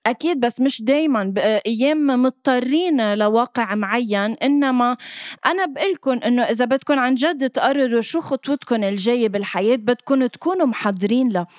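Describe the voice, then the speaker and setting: Higher-pitched Lebanese Arabic woman, casual podcast host. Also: fast talker, no echo, clean studio sound. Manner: hesitant, mixes in English words.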